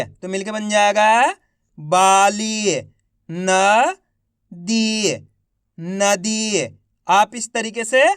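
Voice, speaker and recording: A man teaching children to read, sounding out each syllable slowly and then drawing out the whole word, while encouraging his viewers. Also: high-pitched, fairly bright tone, no room sound, clean studio sound. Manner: encouraging, addresses viewers as friends. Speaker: Hindi reading teacher. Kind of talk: online reading lesson.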